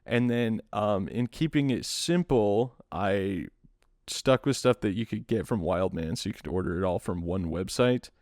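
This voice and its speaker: A man hosting a podcast, explaining things in a relaxed, rambling way with dry, self-mocking humor. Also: lowish voice, measured pace, no echo. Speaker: podcast host. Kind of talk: casual podcast chat.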